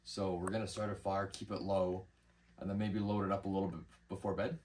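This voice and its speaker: A man in his thirties chats casually as a travel vlogger, speaking a little fast in a low, level voice with a darkish tone. He's outdoors on trails and inside a log cabin. The handheld camera recording is noisy and picks up ambient sound.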